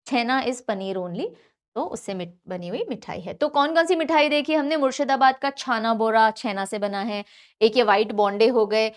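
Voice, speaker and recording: A woman exam-prep teacher with a fairly high voice. She talks in an animated way, repeats key names over and over, and drops English terms into her Hindi. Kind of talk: online lecture for competitive exams.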